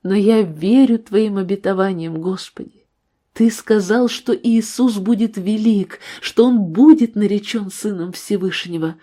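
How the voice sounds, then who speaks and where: A woman's voice: mid-range voice, unhurried, mellow, natural voice. A woman reading the part of a devout, earnest mother in a storybook reading. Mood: prayerful. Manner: earnest, pleading. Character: devout mother, firm yet loving.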